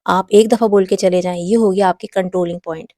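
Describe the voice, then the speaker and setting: A woman's voice: medium pitch, fairly even intonation, dark tone, no echo, clean studio sound. A woman hosting a parenting advice talk, speaking earnestly and instructively straight to mothers. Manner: earnest, instructive, addresses viewers directly.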